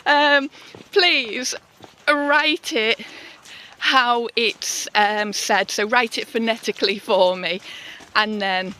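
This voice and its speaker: A woman's voice: a little high, slow pace, bright, forceful tone, slight background noise. A woman vlogging on her own as she walks a wet mountain path, chatty and self-deprecating, laughing often. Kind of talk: casual solo hiking vlog.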